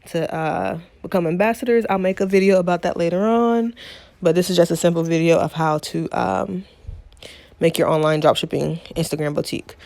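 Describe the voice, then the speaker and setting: A woman's voice: fairly low pitch, gravelly, a little mellow, no echo. A woman who hosts a channel as a coach, narrating a casual screen-recorded tutorial. She talks through each step loosely, repeats short phrases, and is out of breath. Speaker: dropshipping coach and channel host.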